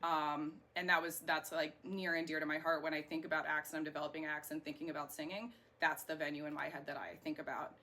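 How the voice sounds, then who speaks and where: Speaking quickly with few pauses, this woman has a low, flat voice that comes across pushed and bright. She's a thirtysomething American singer and burlesque performer from Florida, chatting and rambling in a casual interview against clear background noise.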